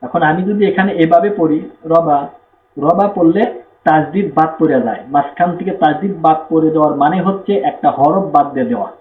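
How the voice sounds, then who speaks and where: A man with a Bangladeshi Bengali accent teaching Quran reading, slowly repeating rules and asking and answering his own questions. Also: on the high side. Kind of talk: step-by-step lesson with spelled-out drills. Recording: echoey room, tinny phone-like sound, faint noise.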